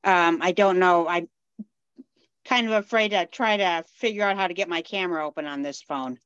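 A woman's voice: lowish voice, moderate pace, fairly bright tone, clean tone, dry recording. A woman, a beading class instructor, joins a group meeting over a phone into a video call, speaking casually and hesitantly with many ums and restarts. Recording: dull, muffled phone audio.

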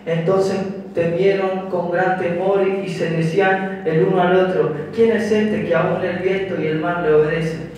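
A man's voice: sits high, steady tone, unhurried, a little mellow. A young man with a Paraguayan Spanish accent preaching a sermon in a small church hall, speaking into a handheld mic at a pulpit and often restarting his phrases as he explains. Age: young adult. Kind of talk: sermon with prayer. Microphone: handheld mic at a pulpit, filmed from far. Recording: very echoey hall from far off.

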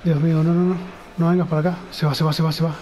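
Rapid-fire and level in tone, this slightly high, warm voice belongs to a gamer with a Rioplatense Spanish accent. He narrates a horror game let's play, muttering in fright and nervousness to himself. The audio is poor, with a little hiss or hum.

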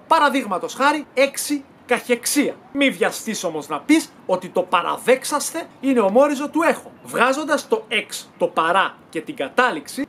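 A woman teaching in a brisk scripted lesson, talking straight to the listener. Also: mid-range voice, slight background noise. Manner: brisk, direct, addresses the listener.

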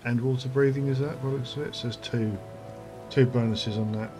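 Man, gaming channel host, casual play-along commentary, thinks aloud, reads out item stats, medium pitch, game music clearly behind. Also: fairly even intonation, a little fast.

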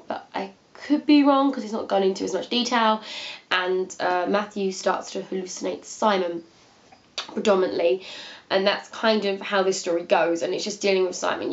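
With the highs cut off, the recording catches a medium-pitched young woman in her twenties who has a sniffly cold. Indoors by her living room window seat, she chats her way through a book review, rambling and often restarting or filling gaps.

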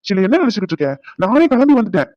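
Guy doing a fed-up young cartoon husband, fast talker, kinda dull dry audio. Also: sits high, no room sound, lightly acted. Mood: scolding. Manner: scolding rants, softening into comfort. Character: exasperated young husband, stressed and scolding. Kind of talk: cartoon voice acting.

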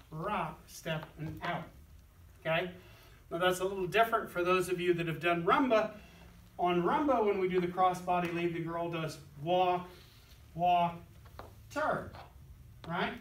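High-voiced dance teacher in an echoey room. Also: male voice, fairly bright tone, recorded from a distance. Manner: counts steps aloud rhythmically. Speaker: dance instructor. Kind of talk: dance lesson instruction.

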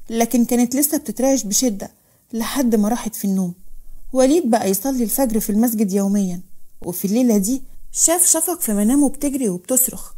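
Woman, Egyptian accent, storyteller, scripted narration, smooth steady reading, fast pace, mellow tone. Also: on the high side. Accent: Egyptian Arabic.

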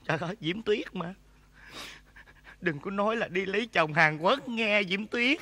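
A man's voice: sits high, expressive, a little slow, sharp tone. A man doing a comedy sketch, crying out and teasing his partner. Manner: exclamatory, teasing comic lamenting. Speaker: comic actor.

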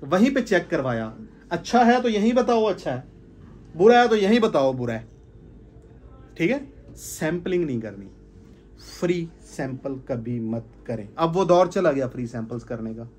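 A man's voice: a little high, very animated, normal speed, a little mellow, slightly rough. A man gives an informal sales talk to a small group, stressing points by repeating phrases. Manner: emphatic, repeats phrases for stress, gestures while talking. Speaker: sales trainer. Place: indoor room with curtains.

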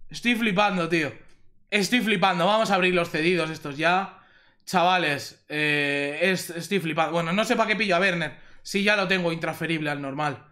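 A young man from Spain with a Spanish accent and a high-pitched voice commentates a pack opening. He is excitable, repeats himself, and exclaims loudly whenever something good turns up. He talks close to a desk mic. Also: normal speed. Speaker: gaming youtuber.

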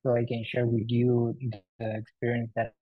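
A man giving an online technical presentation over a video call, halting with many fillers and restarts while his voice cuts out on a bad connection. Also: medium pitch, monotone. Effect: voice cutting out over a bad call connection. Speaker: tech talk presenter. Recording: dull, lo-fi, dry call audio.

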